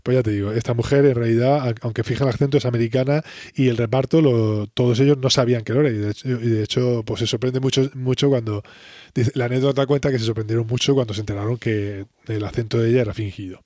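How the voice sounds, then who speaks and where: A man's voice: mid-range voice, no echo, studio quality. A man, retelling a sitcom episode in casual chat and acting out the characters' lines. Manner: animated storyteller, acts out characters' lines in quick voices. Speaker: podcast host recapping a sitcom episode.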